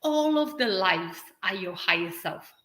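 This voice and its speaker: Speaking English with a Polish accent as a second language, this spiritual channel and activator from Poland answers viewer comments during an earnest livestream talk. Her mid-range voice is animated and fairly bright, she stretches key words with dramatic pauses, and the recording has an echoey sound.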